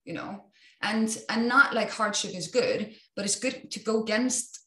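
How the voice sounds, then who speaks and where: A woman's voice: fairly high pitch, a little slow, pushed and bright. A young woman, a fitness and yoga coach, talking reflectively as an interview guest. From Iceland. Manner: reflective, with many restarts and "like". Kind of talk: casual interview chat. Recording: roomy room echo.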